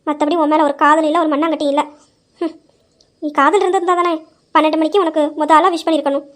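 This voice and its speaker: Fast, high-voiced insistent young woman. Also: steady tone. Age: young adult. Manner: insistent, persuasive. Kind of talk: dramatized story dialogue.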